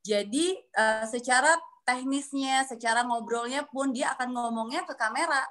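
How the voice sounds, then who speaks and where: A woman's voice: high-pitched, normal speed, a bit bright. A woman coaching public speaking on a video call, explaining things in a friendly way with frequent casual tag words. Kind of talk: online class, answering questions.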